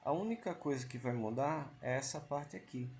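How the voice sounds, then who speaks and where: A man's voice: medium pitch, lively intonation, normal speed, a little mellow. Guy teaching a class online, keeps asking questions back, bit of background hiss. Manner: patient, repeats key points with rhetorical questions. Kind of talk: explanatory online lesson.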